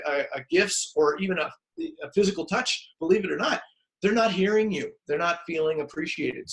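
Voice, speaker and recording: A man in casual conversation about his staff, animated and emphatic, acting out quotes. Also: high-pitched, rough recording. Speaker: business owner discussing team coaching.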